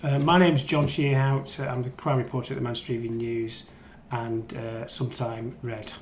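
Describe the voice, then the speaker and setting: A crime reporter guesting on a podcast chats casually about football, teasing, rambling and frequently repeating himself. His medium-pitched voice is flat in delivery at a normal speed, recorded in an echoey room with faint background noise.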